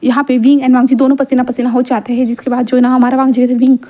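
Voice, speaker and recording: A woman's voice: high-pitched, flat delivery, racing, mellow. A woman casually narrating a fan fiction story in a chatty, loose way, full of fillers.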